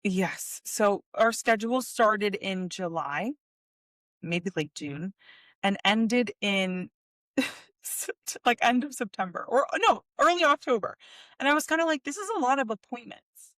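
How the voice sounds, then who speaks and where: Animated young woman telling a story. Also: medium pitch, unhurried, no room sound, studio quality. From United States. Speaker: podcast co-host. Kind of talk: casual chat.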